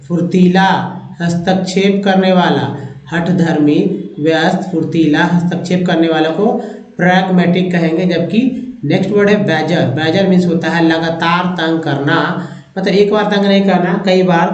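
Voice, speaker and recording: A man teaching English vocabulary from slides, slowly repeating each word and its list of meanings. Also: high voice, darkish tone. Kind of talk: slide-based vocabulary lesson. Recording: echoey room, dull lo-fi sound.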